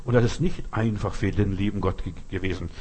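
A man preaching a sermon, talking straight to the listener with vivid everyday images and sudden changes in loudness. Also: a little fast, breathy edge. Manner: addresses listener directly, vivid everyday images, lively shifts in pitch and loudness. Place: Berlin.

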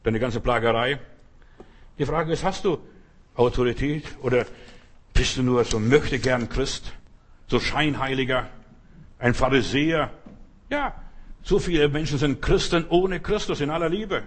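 A pastor preaching an emphatic sermon full of rhetorical questions. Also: male voice, mid-range voice, normal speed, pauses often, breathy edge.

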